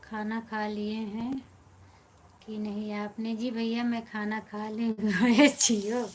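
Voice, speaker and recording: A woman's voice: mid-range voice, little pitch movement, takes it slowly, darkish tone, a little hiss or hum. A woman with an Awadhi accent hosting a live stream, chatting casually with viewers, reading their comments aloud and teasing them back.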